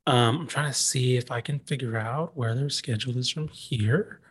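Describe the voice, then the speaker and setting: A man co-hosting a casual sports podcast, thinking aloud with many pauses and fillers. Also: medium pitch, breathy edge.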